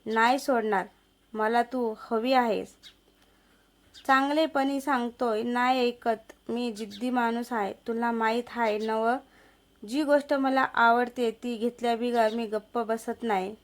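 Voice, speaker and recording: A woman's voice: on the high side, fairly even intonation, slow. A woman voicing a lecherous, threatening male village moneylender in a story. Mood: menacing. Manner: threatening, coaxing. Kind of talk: storybook narration.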